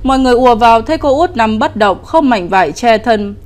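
A woman narrating a scripted ghost story in a steady, even storytelling delivery. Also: on the high side, fast talker.

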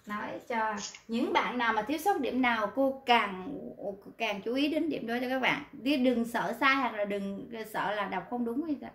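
A woman teaching Korean pronunciation in an online class, patiently repeating words slowly to model them. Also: fairly high pitch, lively intonation, a bit bright. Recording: roomy echo.

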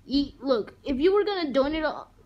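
A woman's voice: high-pitched, expressive, normal speed, highs cut off. A woman voicing a sheepish young male hero in a homemade toy movie, hesitant and full of fillers.

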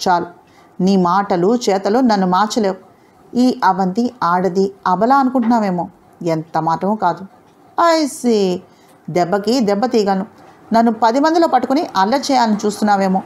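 Lady reading as a fiery young woman, proud, scolding, voice pushing up high in a storybook reading. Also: moderate pace, darkish tone, a little hiss or hum, close to an everyday voice. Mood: threatening. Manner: heated, scolding, rising in pitch. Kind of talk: audio novel character reading.

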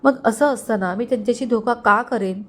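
A woman's voice: a little high, a little fast, fairly bright tone, voice pushed up. A woman voicing a young heroine who speaks earnestly and emotionally, hurt but sincere.

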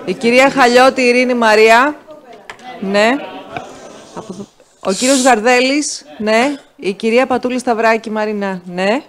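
High-voiced man reading a roll call. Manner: steady listing of names, brief answers. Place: council chamber.

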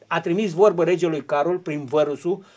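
A man speaks on a television studio discussion. He explains history in long, winding sentences with frequent hesitations and restarts. His voice sits somewhat high for a man. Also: fairly even intonation, a little mellow. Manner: long rambling explanations with many fillers and restarts.

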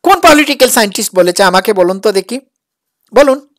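A woman's voice: medium pitch, animated, fast talker. A woman giving reaction commentary in a mocking, sarcastic and challenging way. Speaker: critic reacting to a preacher's clip.

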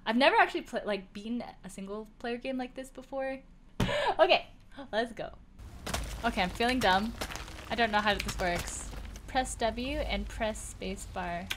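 A young woman streamer giving casual, excitable commentary while playing a horror game, screaming often and swearing freely. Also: mid-range voice, slight background noise. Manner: swears freely, jokes at herself. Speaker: gaming streamer.

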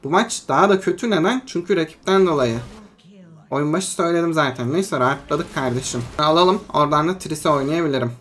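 A young adult content creator giving chatty play-by-play commentary on a mobile game, talking to viewers as friends and bursting into yelps and shouts when a fight gets tense. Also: mid-range voice, a little fast. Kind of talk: live gameplay commentary.

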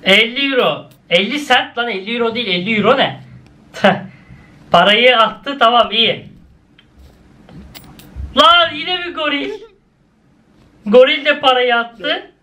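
With an unhurried delivery and frequent pauses, a young man offers casual commentary while watching cartoon clips. His sharp-toned voice shifts between high and low, and he often exclaims and laughs.

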